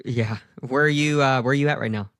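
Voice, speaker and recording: A man's voice: medium pitch, brisk, a bit bright, no echo, clean studio sound. A man hosting a podcast interview, chatting in a friendly, casual way with lots of fillers. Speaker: podcast host.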